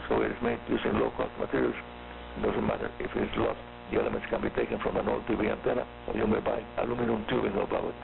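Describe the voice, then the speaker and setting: The host of this scripted amateur radio show is a man with a Cuban accent and a lowish, gravelly voice who explains briskly and clearly, spelling terms phonetically for hobbyists. His studio microphone reaches us via a radio receiver, so the reception is tinny shortwave with static and mains hum.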